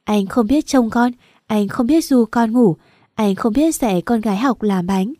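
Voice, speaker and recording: Woman reading heartbroken young husband begging his wife to wake up, tearful, mellow dry voice. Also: on the high side, unhurried, dry recording, close to an everyday voice. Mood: pleading. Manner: tearful, pleading. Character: grieving young husband pleading at his wife's bedside.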